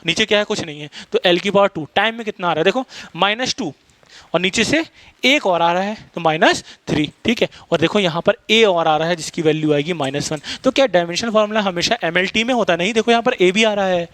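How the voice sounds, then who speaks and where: A man teaching physics in a fast classroom lecture, firing quick questions at his students. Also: high voice, a bit bright, no room sound. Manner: fast-talking, quizzes students, mixes Hindi and English terms.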